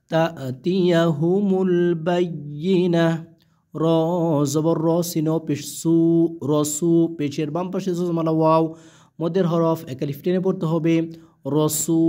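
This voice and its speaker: A man gives a Quran reading lesson, spelling each word patiently and then stretching the recited syllables long. His voice sits a little high but sounds mellow and soft-edged. Between the words he explains the reading rules in a plain teaching tone. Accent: Bangladeshi.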